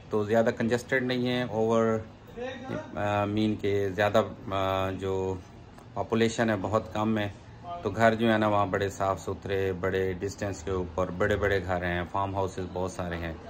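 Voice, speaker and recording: Holding his phone camera at arm's length, a middle-aged travel vlogger from Pakistan narrates casually in an Urdu-speaking accent, starting beside a plain indoor wall before driving on a highway. His pitch is fairly low. He takes his time, sprinkling in plenty of fillers and side remarks.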